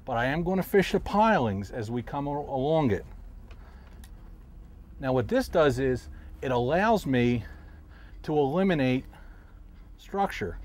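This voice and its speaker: A middle-aged man, a professional angler, calmly explaining his technique while fishing from a boat on a river, recorded outdoors on a lapel mic. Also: on the high side. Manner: calm, explanatory, talks while casting. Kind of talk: instructional fishing commentary. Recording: faint outdoor noise.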